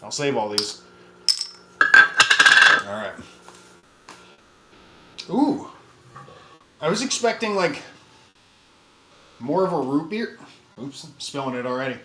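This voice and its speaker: A man in a casual live stream talks through a taste test in a relaxed, chatty way, pausing on fillers as he thinks aloud. His voice sits at a middle pitch. It echoes in a roomy space with a faint hum in the background.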